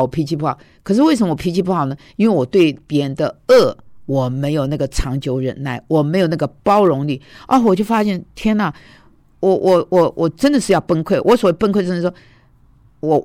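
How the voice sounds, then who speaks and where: A woman's voice: deep voice, darkish tone, no room sound, studio quality. A woman in her sixties, a seminary teacher, gives an earnest, confessional devotional talk, dropping her voice to quote others. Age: 60s. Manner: earnest and emotional, drops her voice for quoted speech.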